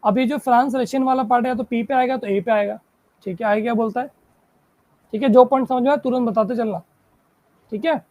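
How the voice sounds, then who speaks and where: A woman teaching a live online reasoning class. She keeps checking whether students follow and praises them, and she reads English questions out slowly before explaining them in Hindi. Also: fairly high pitch, fairly even intonation, mellow. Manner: checks in constantly, praising and asking if it is clear.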